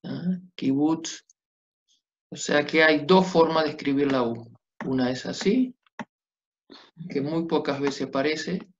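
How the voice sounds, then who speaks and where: Profesor pausado, voz algo aguda. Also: male voice, on the high side, slight background noise. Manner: patient, checks understanding with tag questions. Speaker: Biblical Hebrew teacher. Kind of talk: classroom lecture at a whiteboard. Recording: dull lo-fi classroom recording.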